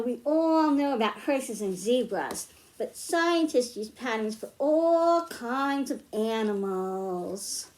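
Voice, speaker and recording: A children's librarian with an American accent leads a storytime for young children, reading picture books aloud and teaching simple ideas. Her voice is high with a darkish tone, and she speaks very slowly in simple phrases suited to little listeners.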